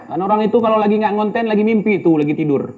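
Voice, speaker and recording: An Indonesian man with an Indonesian accent and a high-pitched voice reads viewer comments aloud and answers them in brash, mocking slang. His sound is slightly muffled and lo-fi. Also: quick pace, a little hiss or hum. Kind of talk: casual banter reading comments.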